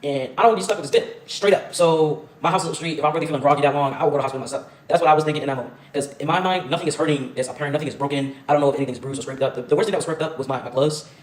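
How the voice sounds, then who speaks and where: A young man tells a story to camera in a rapid, profane, laughing way. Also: on the high side. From Baltimore, USA. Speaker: storytime vlogger. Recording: echoey room with music behind.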